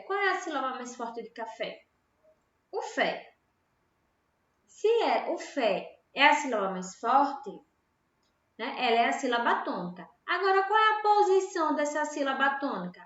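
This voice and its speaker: A high, bright-voiced Brazilian woman teaches young children in a slow, patient way, asking questions and then answering them herself. Her pitch rises and falls a lot. The sound is a dull, lo-fi recording in an echoey room. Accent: Brazilian Portuguese. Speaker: primary school teacher. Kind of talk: recorded online grammar lesson.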